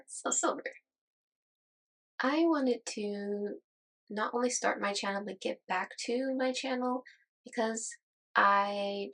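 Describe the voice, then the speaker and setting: A woman's voice: lowish voice, a bit bright, low-quality recording. A woman in her thirties from Las Vegas who chats casually about herself in a get-to-know-me vlog. She laughs often and is amused at her own remarks. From Las Vegas, United States. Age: 30s. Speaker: YouTuber.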